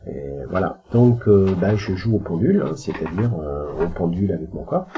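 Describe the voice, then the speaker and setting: Male spiritual speaker, low pitch, colloquial and halting, muffled recording. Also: big pitch swings. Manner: hesitant and colloquial, with frequent filler sounds. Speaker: spiritual speaker answering questions. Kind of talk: casual spiritual teaching talk.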